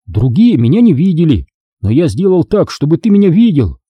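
A man voicing a cold, secretive ghost boy in an audiobook, with a husky, eerie manner. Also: very animated, brisk, dry recording, muffled recording. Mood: menacing. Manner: low cold menace, eerie. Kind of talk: audiobook character reading.

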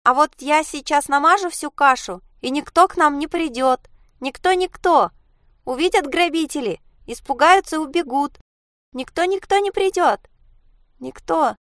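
A woman's voice: sits high, normal speed, a bit bright, no echo, studio quality, voice pushed up. A woman reading aloud voices a small frightened girl who chatters nervously and repeats herself.

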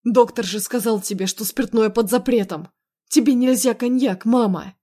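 A woman reading an audiobook, voicing a possessive, hot-tempered young man who speaks in a loud, insistent, emotional way. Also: on the high side, normal speed, lightly acted. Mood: angry pleading.

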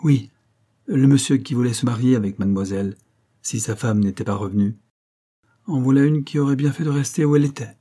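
A man's voice: medium pitch, brisk, dark tone, lightly acted. A man voicing a chatty, gullible woman concierge who gossips effusively. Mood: gossipy.

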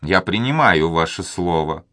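A man voicing a gloomy, dying old governor who speaks slowly and with contempt. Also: low voice, lively intonation, pushed and bright, no echo, studio quality, full character voice. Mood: weary. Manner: slow, contemptuous, laboured.

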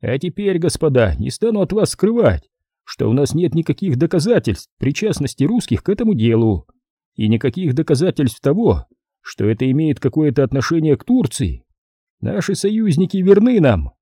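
A man's voice: a little high, big pitch swings, moderate pace, dark tone, husky, no echo, clean studio sound, pitched above the performer's own voice, heavily acted. A man voicing a formal male consul in an audiobook, speaking in a raised, declaring tone. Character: stern older male consul, official.

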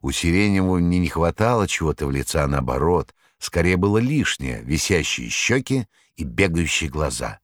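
A man reading a story aloud with lively, dramatic delivery. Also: low voice, moderate pace, few pauses, no room sound, clean studio sound. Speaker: narrator. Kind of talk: scripted narration.

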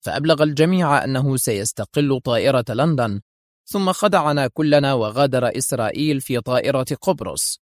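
Angry male agent, forceful, read plainly by a male narrator, dry sound. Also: medium pitch, animated, fairly quick, no echo, close to an everyday voice. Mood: furious. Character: furious male intelligence officer.

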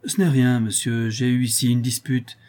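A man's voice: mid-range voice, little pitch movement, normal speed, darkish tone, close to an everyday voice. A man voicing a wounded, somber young working-class man who speaks tersely.

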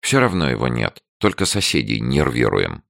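A man voicing a tired, gloomy young woman who speaks quietly and with restraint in an audiobook. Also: extremely low pitch, big pitch swings, moderate pace, gravelly, no room sound, studio quality, exaggerated voice. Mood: weary. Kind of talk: audiobook character voice.

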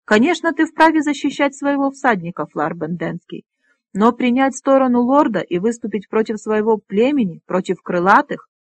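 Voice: medium pitch, lively intonation, moderate pace, no room sound, lightly acted. An audiobook reader voicing a proud male dragonrider leader with a sneering, provoking tone. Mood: mocking.

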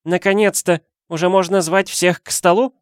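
A man voicing a bossy, loud middle-aged aunt who barks orders in an audiobook. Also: lowish voice, moderate pace, no echo, studio quality, voice pushed up, natural voice. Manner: barking, commanding. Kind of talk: audiobook character voice.

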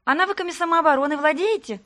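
A woman's voice: high voice, quick pace, pushed and bright, pitched above the performer's own voice. A woman voicing an eager, chattering young girl who fires off questions in a breathless rush.

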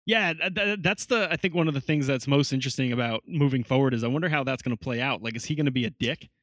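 A man's voice: medium pitch, fast talker, a bit bright, no echo, clean studio sound. A man in casual chat about a TV show, loose and chatty with lots of swearing.

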